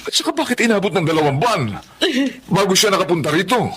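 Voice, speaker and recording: A man's voice: high voice, expressive, fast, a bit bright, husky, exaggerated voice. A middle-aged man playing a worried, remorseful poor father in a radio drama. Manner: anxious, remorseful.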